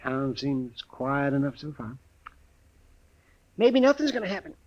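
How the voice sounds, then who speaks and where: An American actor playing a crusty, grumbling older town doctor in an old-time radio western. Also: male voice, medium pitch, very animated, a little slow. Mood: uneasy. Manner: querulous, grumbling, folksy.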